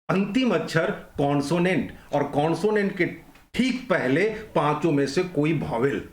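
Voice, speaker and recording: A man's voice: on the high side, reverberant. A man teaching an online grammar lesson, explaining rules step by step and repeating the key points.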